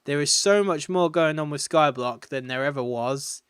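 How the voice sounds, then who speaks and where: A man talks his way through a game live stream, rambling and joking, with a tired edge. His voice sits a little high and sounds smooth and clear. The mic is close, with a dry sound. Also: moderate pace, a bit bright, dry recording. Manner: chatty and rambling, laughs at his own jokes. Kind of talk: casual live-stream commentary.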